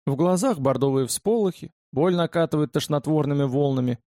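A man reading a first-person war story aloud, expressive and colloquial in his storytelling. His voice is a little high for a man but dark and mellow, and the recording is close and dry with no room sound. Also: a little fast, no room sound. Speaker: audiobook narrator. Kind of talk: first-person audiobook narration.

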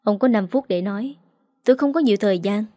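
A woman's voice: mid-range voice, fast, mellow, no room sound, clean studio sound, lightly acted. A woman voicing a cold, proud wealthy young man who speaks curtly. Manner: curt, cold.

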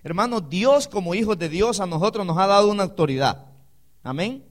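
A man preaching a sermon, calling the congregation "hermano", swinging between loud emphatic declarations and quiet, low asides. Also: animated, fairly quick. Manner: addresses the congregation as "hermano" with call-and-response questions.

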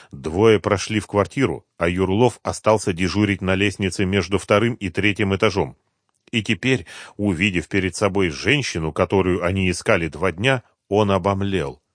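A man narrating a crime audiobook in an even, measured manner. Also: low voice, no echo, studio quality.

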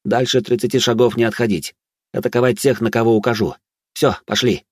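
A man's voice: medium pitch, steady tone, a little fast, no echo, clean studio sound, lightly acted. Man doing a harsh young warrior giving orders. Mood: commanding. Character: grim young male warrior commanding the dead.

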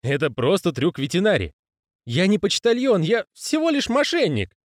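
A man's voice: high-pitched, wildly swooping pitch, moderate pace, dry recording, studio quality, voice pushed up. A male reader voicing a jittery young conman who talks in a raised, flustered, protesting way. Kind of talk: audiobook character reading.

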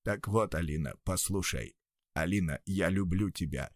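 A man's voice: low voice, moderate pace, dry recording, studio quality, voice pushed down. Man doing a metallic robot-man voice. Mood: pleading. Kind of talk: audiobook narration with acted dialogue.

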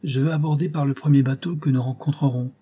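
A man's voice: mid-range voice, flat delivery, moderate pace, warm tone, voice pushed up, natural voice. A man reading aloud, voicing a restless young traveler who speaks impatiently and raises his voice in exclamations.

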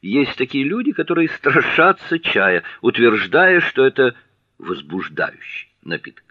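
A man's voice: medium pitch, big pitch swings, unhurried, no room sound, dull audio, voice pushed up. A man voicing a fussy, prim Victorian husband in pince-nez.

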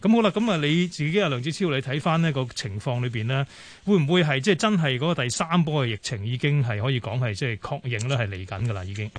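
A man with a Hong Kong Cantonese accent hosting a radio phone-in show, brisk and full of fillers. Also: mid-range voice, animated. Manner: brisk, many fillers and pauses. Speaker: radio talk show host.

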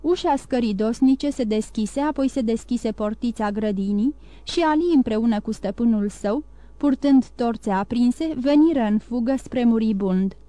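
A woman narrating a classic novel as an audiobook reader, in a steady, even reading. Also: fairly high pitch, dry recording. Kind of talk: scripted narration.

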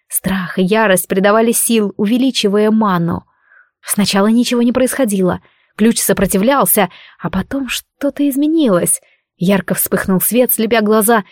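A woman's voice: mid-range voice, no room sound. Female narrator for a first-person fantasy audiobook, emotional read, dry booth. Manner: expressive, emotional reading.

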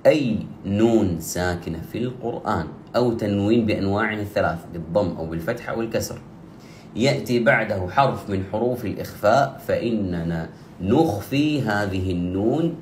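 Low-voiced man teaching Quran recitation. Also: animated, reverberant, slight background noise. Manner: explains steadily, slows down to drawn-out recitation examples. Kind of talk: tajweed lesson with slow demonstrations.

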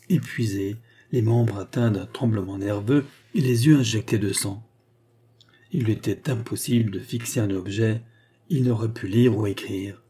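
A man narrating a classic novel as an audiobook, in a calm, measured, literary manner. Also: medium pitch, slightly rough.

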